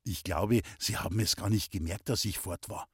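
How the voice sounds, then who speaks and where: A man's voice: on the low side, moderate pace, fairly bright tone, husky, no room sound, clean studio sound. A man narrating a story in the first person with a playful, boyish manner and a light tinge. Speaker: audiobook reader.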